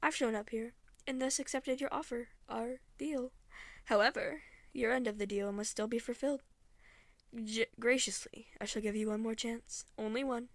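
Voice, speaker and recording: A woman voicing a female eldritch deity who speaks slowly and calmly in a soothing but threatening, condescending way. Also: a little high, dry recording, lightly acted. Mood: soothing menace. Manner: slow, calm, condescending.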